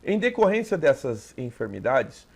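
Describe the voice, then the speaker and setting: A man's voice: mid-range voice, sing-song, normal speed, gravelly. A Brazilian man going through an exam as a teacher, explaining step by step and often checking in with the listener. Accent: Brazilian Portuguese. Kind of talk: exam review lesson.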